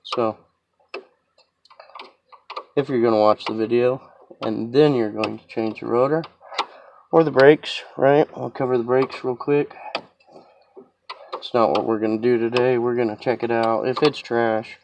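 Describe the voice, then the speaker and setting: A man fixing a car outside in a yard on a slope chats and rambles through a casual repair walkthrough, teasing himself along the way while stuffy and sniffly with a cold. His creaky mid-range voice keeps a steady tone and an unhurried pace, pausing often. Background noise is present.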